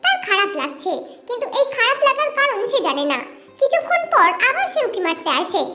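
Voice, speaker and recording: A woman storyteller giving an expressive, dramatic scripted reading of a romantic story, with music under her voice. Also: very high voice, brisk.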